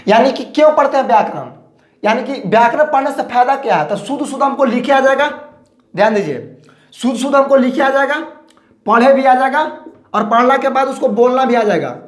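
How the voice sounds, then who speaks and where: A male teacher with a Bihari Hindi accent, giving a classroom lecture in a lively, joking, repetitive way. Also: very high-pitched, fairly quick, echoey room.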